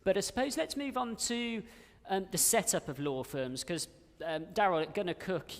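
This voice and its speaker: A man with a slightly nasal voice chairing a panel discussion, brisk and self-deprecating as he hands questions to speakers and the audience. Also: sits high. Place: conference venue with live audience. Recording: reverberant conference hall.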